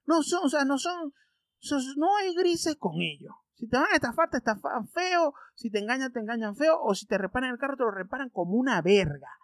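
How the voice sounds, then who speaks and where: A man with a Maracucho Venezuelan accent telling crude comedic stories as a vlogger, animated and profane, with sudden loud outbursts. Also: very high voice, fairly quick, no echo, clean studio sound. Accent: Maracucho Venezuelan Spanish. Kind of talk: comedic storytelling.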